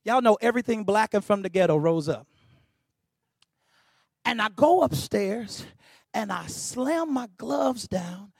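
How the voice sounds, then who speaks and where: High-voiced preacher man, shouting and gravelly. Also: lively intonation, a little slow, long pauses, no room sound. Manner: preaching with shouted rising peaks and quiet storytelling asides. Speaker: pastor. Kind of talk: sermon.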